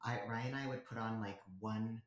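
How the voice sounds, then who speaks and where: A woman's voice: rumbling low, fairly even intonation, normal speed, roomy sound. A woman author, a guest on a podcast, chatting enthusiastically. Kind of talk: casual chat.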